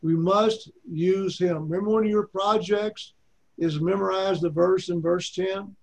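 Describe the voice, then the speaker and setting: High-voiced older man with an Arkansas accent. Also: steady tone, unhurried, gravelly, darkish tone. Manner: folksy, repeats points for emphasis. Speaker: Bible teacher. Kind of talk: teaching an online Bible class.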